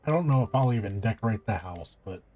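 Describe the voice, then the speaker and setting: A man's voice: on the low side, lively intonation, fast talker, warm tone, slight background noise. A man streaming a live video game playthrough, casually reading in-game messages aloud and commenting. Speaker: let's play streamer.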